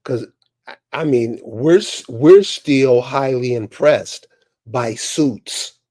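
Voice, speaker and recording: A man talks casually in a relaxed, mellow voice of medium pitch. His delivery is slow and deliberate, halting at times as he reflects and asks rhetorical questions.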